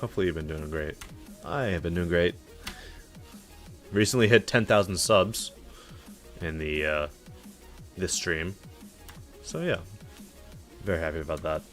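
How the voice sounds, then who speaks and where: A man's voice: deep voice, a little slow, long pauses, soft background music. A young man giving casual live-stream commentary as he reviews game levels, offhand and dryly sarcastic, with plenty of filler words.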